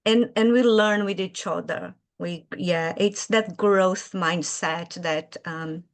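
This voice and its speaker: A Brazilian woman, a children's author appearing as a guest, speaks English with a Portuguese-influenced accent. Her voice sits on the low side, and she answers interview questions hesitantly, pausing and using fillers while she searches for words.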